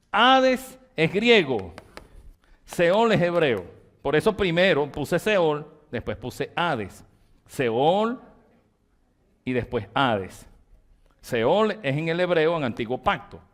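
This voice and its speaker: A man's voice: a little high, a bit bright. A man, a Venezuelan pastor with a Venezuelan Spanish accent, teaching a Bible study in a church, repeating and dictating terms emphatically to his congregation.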